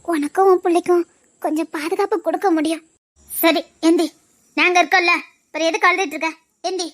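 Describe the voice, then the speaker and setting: Woman, very high pitch, serial drama acting, tearful, comforting. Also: fairly even intonation, fairly quick, no room sound, studio quality. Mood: consoling.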